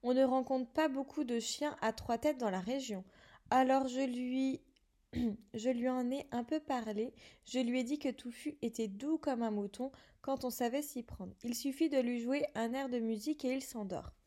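A woman's voice: fairly high pitch, moderate pace, warm tone, close to an everyday voice. A woman reading as Hagrid, chatty gamekeeper. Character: big gruff kindly male gamekeeper, chatty.

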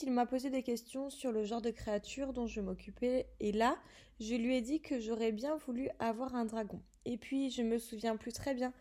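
A woman's voice: high voice, dark tone. A woman voicing a big, kindly male gamekeeper who rambles in candid talk.

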